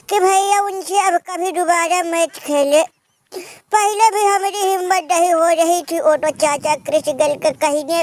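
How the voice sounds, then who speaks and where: Cartoon comedy: a fussy rustic villager, piping high and drawn out, wailing in sing-song. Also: male voice, no room sound. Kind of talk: comic cartoon voice.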